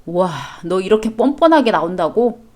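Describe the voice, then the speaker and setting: A woman's voice: medium pitch, animated, normal speed, a little mellow, voice pushed down, close to an everyday voice. A woman voicing a defensive young husband in a storybook chat drama, talking back with a sneering edge.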